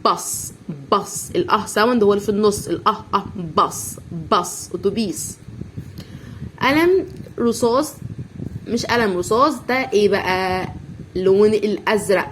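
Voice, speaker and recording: A woman's voice: medium pitch, slight background noise. A woman with an Egyptian Arabic accent teaching an English lesson to young children, stretching out and repeating each word again and again. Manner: slow, drawn-out drilling of each word, repeating sounds many times.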